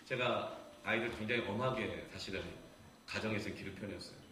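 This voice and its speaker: A man in his forties, a pastor giving a sermon, telling stories with feeling, going from loud to hushed. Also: lowish voice, brisk. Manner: emotional storytelling, swings from loud to hushed. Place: church sanctuary. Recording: echoey church hall, distant mic, faint noise.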